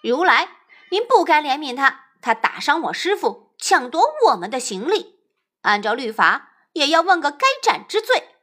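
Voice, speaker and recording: A woman's voice: high voice, very animated, moderate pace, fairly bright tone. A woman voicing a bold, impatient young male monkey king in a storybook tale, speaking in a raised, eager voice.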